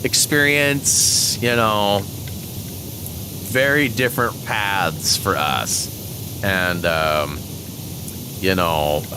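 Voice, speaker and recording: A man's voice: deep voice, background noise. A man in his forties chatting casually over gameplay as a channel host, rambling with many fillers and frequent chuckles. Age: 40s.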